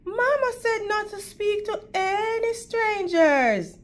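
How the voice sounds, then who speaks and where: A woman puts on a sweet little fairy-tale girl, innocent and courteous. The voice sits very high and moves at an unhurried storytime pace. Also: animated, heavily acted.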